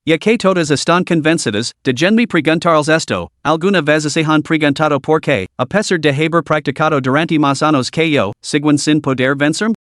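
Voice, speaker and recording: A man's voice: on the high side, normal speed, hardly any pauses, fairly bright tone, dry recording, studio quality, natural voice. A man reading the lines of a cocky three-year-old boy cultivator in a smug, taunting manner.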